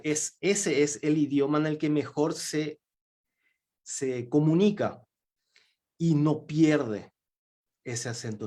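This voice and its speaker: A man's voice: on the high side, darkish tone. A man from Paraguay with a Paraguayan Spanish accent, giving a symposium talk in a hesitant way, with many fillers and restarts. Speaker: symposium speaker. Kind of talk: lecture talk.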